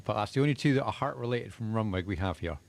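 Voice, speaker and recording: A man's voice: lowish voice, expressive, fast, creaky. A man co-presenting live local radio, reading messages and sorting out the music in a practical, matter-of-fact way.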